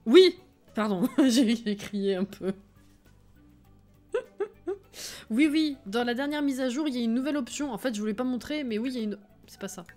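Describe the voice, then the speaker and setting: A woman's voice: on the high side, moderate pace, long pauses, mellow, soft background music. A woman streaming a life-sim game, chatting casually with her viewers, laughing often and reading chat messages aloud. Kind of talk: casual live-stream chat while playing.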